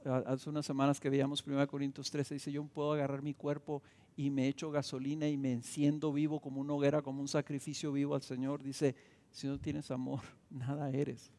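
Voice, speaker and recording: A man's voice: medium pitch, darkish tone. A man preaching a sermon as a pastor, driving his points home with emphatic bursts and rhetorical questions. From Mexico. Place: church sanctuary. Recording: reverberant church hall.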